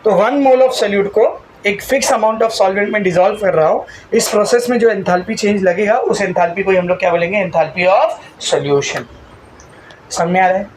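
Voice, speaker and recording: A man's voice: high voice, a little fast, hardly any pauses, a little hiss or hum, low-quality recording. A male chemistry teacher giving a classroom lecture, mixing English terms into his talk, calling students "beta" and asking the class questions that he then answers himself. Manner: asks the class questions and answers them himself, call-and-response drilling; addresses students fondly as "beta".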